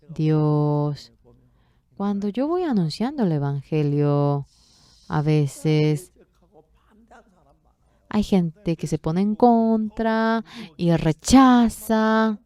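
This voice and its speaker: A woman interpreting a pastor's sermon live, telling the story in a measured way. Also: low voice, mellow, clear, resonant tone.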